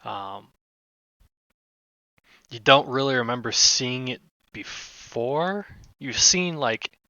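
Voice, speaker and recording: A man game master narrating a tabletop role-playing game, slow and halting, searching for words. His tone is bright and dry. The stream audio is dull and lo-fi. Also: mid-range voice, no echo. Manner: hesitant, many fillers, searching for words.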